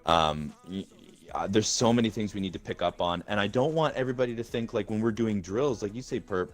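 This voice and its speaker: Low-voiced, rambling, profane man. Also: brisk, soft background music. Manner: rambling and profane, with many restarts. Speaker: gaming community leader. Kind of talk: casual voice-chat talk.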